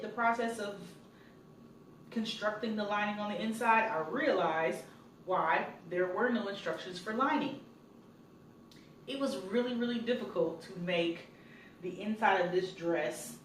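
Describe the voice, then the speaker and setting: A woman talking casually in a sewing vlog, chatty, excitable and prone to rambling. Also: on the low side. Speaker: sewing vlogger. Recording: roomy echo, faint background noise.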